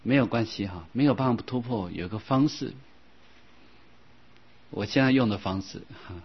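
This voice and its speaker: A low-pitched man with a husky, slightly breathy voice gives a Buddhist dharma lecture. He talks gently and without hurry, dropping soft little fillers, and stretches out scripture lines when he recites them. The sound is dull and lo-fi. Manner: slow, drawn-out recitation of scripture passages. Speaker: Buddhist teacher.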